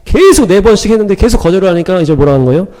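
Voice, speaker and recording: A male pastor preaching at a rapid clip in a slightly raised register, with a mellow, dark tone. He tells the story with emphatic punches and plays out the dialogue, chuckling at times. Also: sits high. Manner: animated, emphatic storytelling with sound-word punches; acts out quoted dialogue, chuckling. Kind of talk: sermon.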